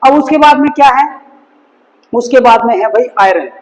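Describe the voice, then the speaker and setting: A male chemistry teacher who gives a classroom lesson, slowly repeating each term and mixing in words. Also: very high-pitched. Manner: slow and repetitive, drills each word several times; mixes Hindi with English terms. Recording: long reverb, echoey hall.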